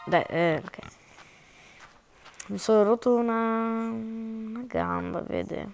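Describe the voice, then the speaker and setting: Woman with a gravelly, mid-pitched voice, chatty game role-play host, music under her. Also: wildly swooping pitch, takes it slowly. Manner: chatty, narrates her own actions. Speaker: gaming channel host. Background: background music.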